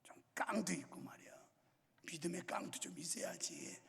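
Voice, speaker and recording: A man's voice: high-pitched, normal speed, creaky, fairly bright tone, husky, in a whisper. A pastor in his sixties preaching a sermon in a church, telling stories in a casual, colloquial way with scolding outbursts. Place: church sanctuary. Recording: long church reverb.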